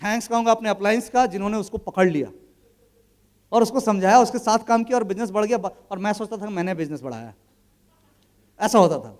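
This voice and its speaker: Man in his 30s, very high voice, colloquial motivational storyteller at a business event who acts out the dialogue. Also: fast, pauses often.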